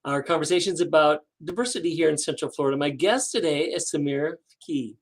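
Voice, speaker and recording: A man's voice: fairly high pitch, a little fast, slightly rough. A man hosting an interview, asking friendly prompting questions. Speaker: host.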